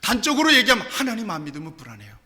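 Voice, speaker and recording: Male pastor, middle-aged: high, swinging voice, storytelling sermon. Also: very fast. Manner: animated preaching with rhetorical questions and personal stories. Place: church sanctuary. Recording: long church hall reverb.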